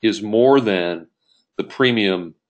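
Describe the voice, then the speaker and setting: Through dull audio, a man with a lowish voice lectures slowly as an accounting instructor. He explains an example step by step, repeats the key ideas in new words, and puts questions to himself.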